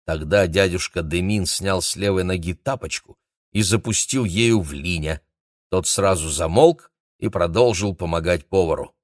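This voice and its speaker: A man narrating an audiobook in an even, steady storytelling manner. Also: deep voice, normal speed, dry recording, studio quality.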